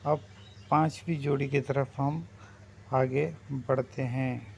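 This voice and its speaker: Slow, patient man teaching vowels. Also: mid-range voice, steady tone, creaky, slight background noise. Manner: patient, drawn-out vowel demonstrations. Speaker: language teacher. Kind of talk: slow spoken language lesson.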